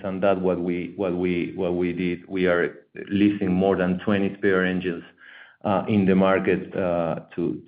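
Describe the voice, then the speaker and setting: Over an echoey, tinny call line that keeps dropping out, a deep-voiced man stumbles through a presentation of company results. He speaks haltingly and repeats his words often.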